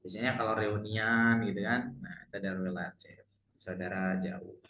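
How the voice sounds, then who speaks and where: A man with an Indonesian accent teaching English family words in a relaxed online lesson, repeating each word and then translating it. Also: fairly low pitch, moderate pace. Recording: echoey room, faint noise.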